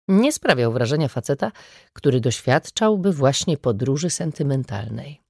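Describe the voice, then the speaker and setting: A woman narrating a first-person audiobook in a measured, even storytelling manner, close to the microphone. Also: deep voice, dry recording.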